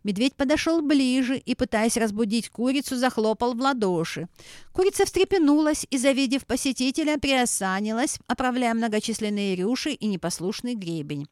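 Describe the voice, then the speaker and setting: Brief: woman storybook narrator, fairly high voice, expressive reading, dry close sound. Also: moderate pace, no echo.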